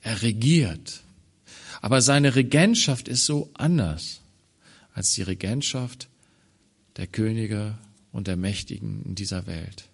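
A man preaching a sermon on a Bible passage, swinging from loud emphatic phrases to quiet low ones. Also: animated, vocal fry, husky. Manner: slow, deliberate delivery.

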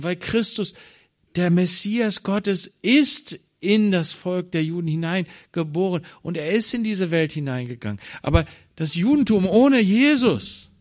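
A man preaching a sermon, animated, swinging from soft asides to loud emphatic lines and talking straight to his listeners. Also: high voice. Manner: addresses listeners directly with "wisst ihr".

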